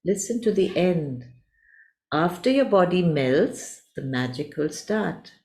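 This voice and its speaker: A woman voicing a kind, wise butterfly in a storybook tale, speaking in a gentle, soothing, patient way. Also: lowish voice, expressive, takes it slowly. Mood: reassuring.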